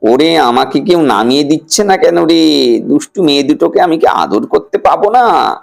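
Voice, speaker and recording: A fond old grandmother in a storybook reading, calling out in a thin, shrill voice that rises well above the reader's own , as a man puts her on. She has a lively, sing-song lilt. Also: moderate pace, vocal fry. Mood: plaintive.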